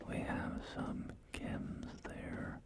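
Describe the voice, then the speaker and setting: In an ASMR roleplay, a man whispers as a polite, helpful real estate agent, delivering gentle, unhurried sales patter. Loud music and game audio play behind him.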